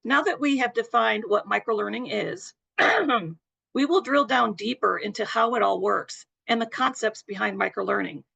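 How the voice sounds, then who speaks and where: A woman nursing educator presenting a webinar lecture in a steady, explanatory way, her voice a bit worn and throat-clearing. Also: fairly high pitch, normal speed. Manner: explanatory, steady, apologetic over glitches.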